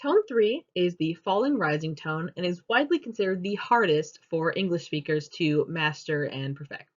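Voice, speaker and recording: A young woman delivers a class presentation, walking through her points in a steady, explanatory way. Her pitch moves around a lot, giving the talk a lively lilt. The recording sounds a bit dull and lo-fi. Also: moderate pace. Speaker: student presenter.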